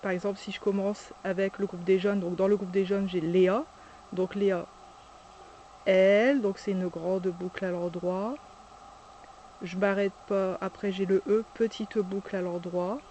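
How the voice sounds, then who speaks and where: A preschool teacher slowly demonstrating cursive letter by letter, patiently naming each stroke aloud. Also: mid-range voice, level tone, darkish tone, slight background noise. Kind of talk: step-by-step handwriting demonstration.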